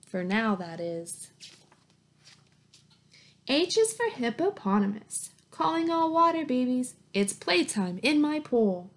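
At home in a small plain room, a woman in her thirties reads a picture book to young children, her high-pitched, sing-song voice taking it slowly. As their teacher she's encouraging, asking simple questions and giving praise. A webcam or laptop mic at arm's length picks her up.

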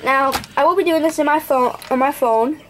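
A young Indian-accented woman with a high-sitting voice and moderate pace casually reviews a gadget at her home desk. In this unboxing vlog she thinks aloud and corrects herself, and the home camera recording is noisy.

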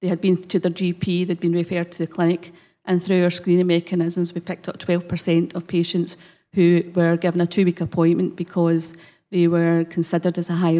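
A woman with a lowish, dark-toned voice and a broad Scottish accent from around Glasgow presents at a conference. She's a health service manager speaking from prepared material at a lectern gooseneck microphone on the hall's stage, sounding somewhat hesitant with frequent ums.

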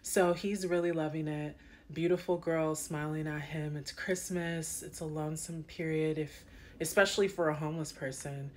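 A young woman telling a personal story in a casual, animated way, with many fillers. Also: low voice, normal speed.

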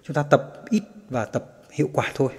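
Male guitar teacher, casual and patient, counts strums aloud, mid-pitched, reverberant room. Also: moderate pace. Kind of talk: casual spoken lesson.

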